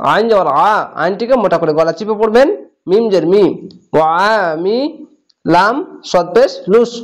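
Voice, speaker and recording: A man with a Bangladeshi Bengali accent teaching Quran recitation, spelling out each syllable slowly and then blending it into the whole word. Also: sits high. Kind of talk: step-by-step spelling and recitation lesson.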